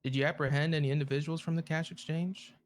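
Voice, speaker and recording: A man role-playing a prosecutor, formally addressing a court with somewhat halting phrasing. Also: on the high side, level tone. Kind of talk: improvised courtroom role-play.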